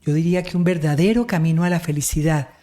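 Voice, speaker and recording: A woman's voice: sits low, quick pace, mellow. A woman hosting an online interview, effusive and full of praise, with religious turns of phrase. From Colombia. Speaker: interview host.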